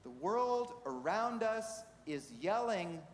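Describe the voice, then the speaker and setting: Man, sermon, slow deliberate delivery, rhetorical questions, echoing hall, faint room ambience. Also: sits high, big pitch swings, slight background noise. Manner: measured preaching with rhetorical questions. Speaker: pastor.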